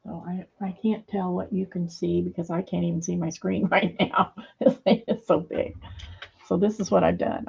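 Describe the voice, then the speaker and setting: A woman's voice: lowish voice, vocal fry, warm tone, breathy edge, dull audio. A middle-aged woman hosting a craft video from her home studio, chatting casually and rambling with many fillers as she sews. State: hands a little weak, fumbling.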